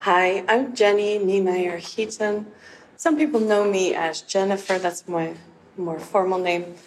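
A middle-aged woman, a clinic owner and nurse, introducing herself carefully, with pauses. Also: medium pitch, low-quality recording. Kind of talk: self-introduction.

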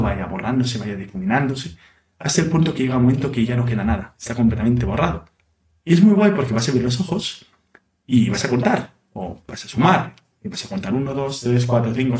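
A man's voice: medium pitch, a little mellow, recorded from a distance. A man hypnotizing a guest, speaking in soothing suggestive patter. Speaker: hypnotist host. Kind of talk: guided hypnosis induction. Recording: roomy, off-mic.

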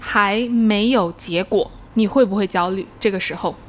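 A woman's voice: mid-range voice, moderate pace. A woman hosting a casual conversational discussion, asking questions and dropping English words into her Mandarin.

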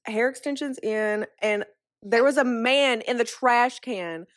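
A woman's voice: fairly high pitch, a little slow. A young woman with a Missouri accent, a podcast guest chatting casually. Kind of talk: casual chat.

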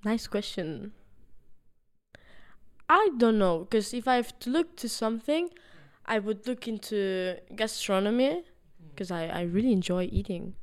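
Spanish-accented young woman, smooth voice. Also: mid-range voice, unhurried. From Spain. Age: young adult. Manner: animated storytelling with laughter. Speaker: podcast guest, racing driver. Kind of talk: casual chat.

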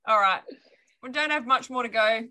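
Woman host, bright tone, rambling and casual. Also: on the high side, moderate pace. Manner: loose, hedging, many fillers. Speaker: podcast host reading the story. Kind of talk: casual chat.

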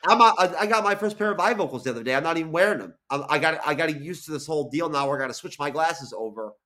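A fairly high, sharp-toned voice comes from a 41-year-old Florida content creator guesting on a video call, talking animated and rapid-fire. He keeps the interview chat casual, rambling with plenty of restarts and casual swearing.

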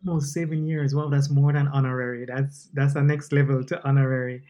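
A man hosting a podcast interview, excitable and playful, teasing his guest. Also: medium pitch, dull audio. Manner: scripted intro, then chatty and quick to tease. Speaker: podcast host. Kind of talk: casual interview.

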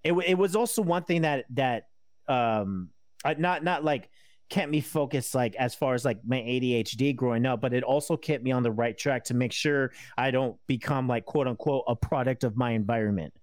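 A man in his thirties talking casually as a guest, rambling and halting with many fillers and restarts. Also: medium pitch, no room sound. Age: 30s. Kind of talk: casual conversation.

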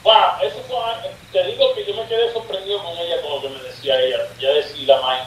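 Man, guest storyteller, raised pitch, echoey distant remote call. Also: steady tone, quick pace. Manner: mixes English words into Spanish; acts out dialogue in his stories. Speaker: guest sorcerer sharing experiences. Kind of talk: casual storytelling interview. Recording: echoey distant call line with faint noise.

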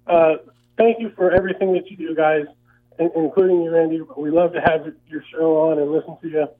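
A man calling in to a talk radio show over the phone, speaking in an earnest, rambling way with many pauses. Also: fairly high pitch. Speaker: caller. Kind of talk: call-in radio chat. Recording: tinny phone line.

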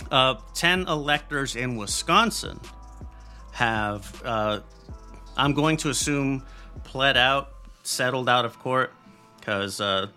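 American man, podcast host, bright edgy voice, casual news rant, swears bluntly, soft music behind. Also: medium pitch. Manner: blunt, profane, rambling with fillers. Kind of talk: casual solo news commentary.

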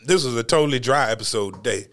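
A man's voice: mid-range voice, expressive, fast talker, fairly bright tone. Laid-back male podcast host. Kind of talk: casual chat.

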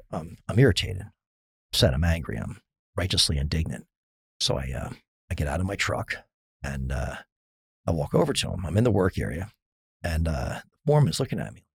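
A middle-aged man with a very low, gravelly voice tells rambling, self-mocking stories, full of fillers. His tone is husky, and the sound is dry and close. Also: no room sound. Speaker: risk consultant guest. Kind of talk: casual storytelling interview.

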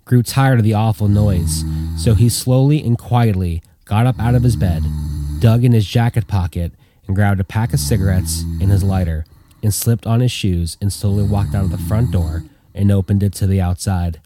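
Low, mellow male storyteller. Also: normal speed, a little hiss or hum. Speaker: narrator. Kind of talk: storytelling reading.

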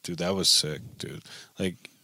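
A man's voice: low-pitched, fairly even intonation, measured pace, creaky, pushed and bright, dry recording. A man in his thirties chatting casually as a podcast co-host, in a slangy, profane, bro-like manner.

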